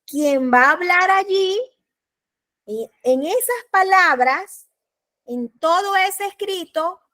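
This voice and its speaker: A woman with a Panamanian Spanish accent teaching a law class, speaking deliberately and repeating her key points. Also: sits high, a bit bright. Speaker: law lecturer. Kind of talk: recorded class lecture.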